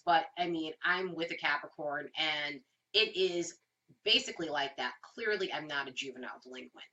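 Congested woman, bright pinched-nose voice. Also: medium pitch, highs cut off. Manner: informal, explains with everyday examples, occasional swearing. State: stuffed up with a cold. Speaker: astrology host. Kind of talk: casual explanatory astrology forecast.

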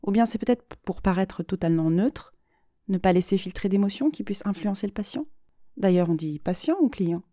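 A woman narrating her own short story in an even, measured reading voice. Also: mid-range voice, no echo, clean studio sound.

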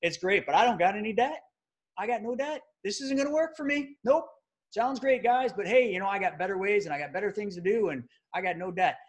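A man's voice: high voice, animated, fairly quick, voice pushed up. A man putting on the voice of a smug, dismissive know-it-all man who brushes off advice with a drawling, offhand tone.

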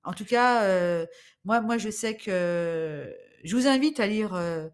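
Une femme d'âge mûr, invitée d'un podcast, parle de livres de façon décousue, avec beaucoup d'hésitations. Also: female voice, mid-range voice, takes it slowly, clear, resonant tone. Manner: rambling, hesitant, full of fillers. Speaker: guest, the host's mother. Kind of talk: casual podcast chat about books.

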